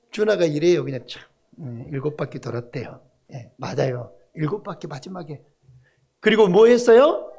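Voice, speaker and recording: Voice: mid-range voice, darkish tone, breathy edge. A pastor preaching a Sunday sermon in a church, asking the congregation questions and joking with the children. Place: church sanctuary.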